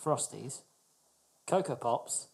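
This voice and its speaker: A woman's voice: rumbling low, lively intonation, slow pace, vocal fry, darkish tone, slight background noise. A woman with a British accent chatting casually as a podcast co-host, teasing and a little pedantic. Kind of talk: casual chat.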